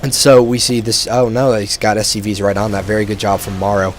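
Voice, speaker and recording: A man with a fairly low voice calls a strategy game match on his own, chatty and relaxed, dropping fillers as he goes. He sounds a little short on sleep. A faint hiss sits under the home recording. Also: a little fast. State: tired. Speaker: game commentator. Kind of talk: solo video game commentary.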